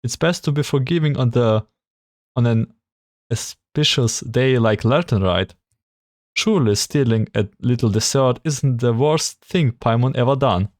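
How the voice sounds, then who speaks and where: A game streamer giving casual playthrough commentary and reading text aloud, a little haltingly. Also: mid-range voice, darkish tone, no echo, studio quality.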